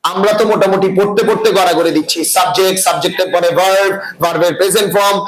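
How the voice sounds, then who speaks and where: A man with a high voice teaches an English class, lecturing quickly in a steady tone. He often checks in with students to ask whether they're following, and the echoey room carries class noise.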